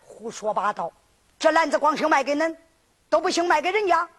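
Henan lady doing a stern old teacher guy, lecturing, lower than her other voices. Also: lively intonation, brisk. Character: stern older male teacher, righteous. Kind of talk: sung folk storytelling.

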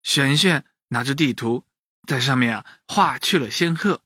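A man narrating a children's bedtime story, lively and speaking to the kids directly. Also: medium pitch, normal speed, breathy edge, dry recording, studio quality.

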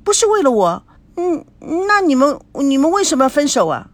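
Woman reading as a spoiled, excitable teen girl in a storybook, high, whiny, jumpy delivery; dry close sound. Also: no echo. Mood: anxious. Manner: whiny, pouty, rapid questions.

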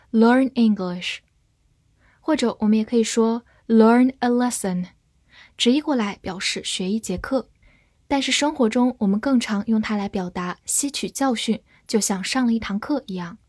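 A woman giving a scripted English vocabulary lesson, spelling words letter by letter and reading example sentences slowly and carefully. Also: a little high, a little mellow, no room sound, studio quality. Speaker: English teacher.

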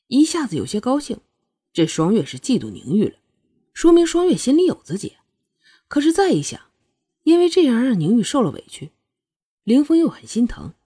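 Expressive, husky young woman narrator. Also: mid-range voice. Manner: expressive storytelling. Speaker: audiobook narrator. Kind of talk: scripted narration of a romance novel.

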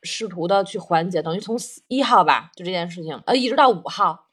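A woman's voice: fairly low pitch, animated, brisk, husky. A woman telling a personal story in casual conversation, earnest and self-reflective, explaining her feelings at length.

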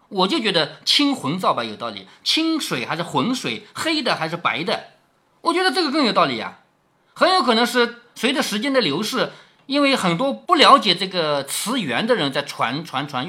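A man's voice: high voice, bright, forceful tone. A man reading a classic novel to his daughter and explaining it in a chatty way, often checking with "right?". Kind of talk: storytelling with commentary.

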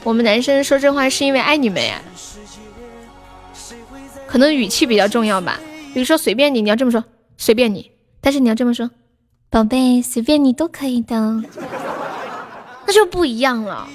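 A woman's voice: on the high side, lively intonation, fast, pauses often, soft background music. A young woman hosting a livestream, chatting casually and playfully teasing her viewers with advice. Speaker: livestream singer and host.

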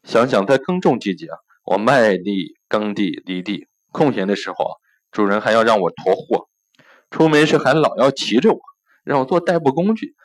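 A man's voice: lowish voice, lively intonation, moderate pace, poor audio. A man voicing a sad, hardworking old ox in a spoken storybook, talking in a choked-up, plaintive way. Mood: aggrieved.

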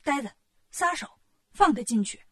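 A woman voicing a bold, clever male monkey king in a children's storybook reading, talking in a brisk, commanding way. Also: sits high, lively intonation, no room sound, clean studio sound.

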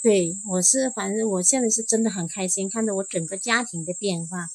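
A middle-aged woman from Jiangxi, China, is an interview guest telling a personal story, acting out the quoted conversations in a lively retelling. Her mid-range voice is fairly quick, and the rough recording carries slight background noise.

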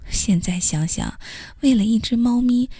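Gravelly-voiced woman narrating a story. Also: fairly high pitch, lively intonation, moderate pace, mellow. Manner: wry, self-mocking storytelling. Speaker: podcast host reading a story. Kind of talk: first-person story narration.

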